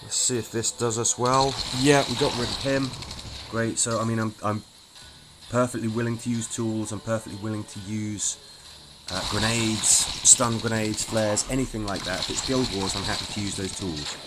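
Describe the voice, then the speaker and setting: A man's voice: fairly low pitch, steady tone, normal speed, heavy background noise. A man chatting casually as he plays a strategy game, thinking aloud with small restarts. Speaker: gaming streamer. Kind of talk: casual let's-play commentary. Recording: game music playing behind.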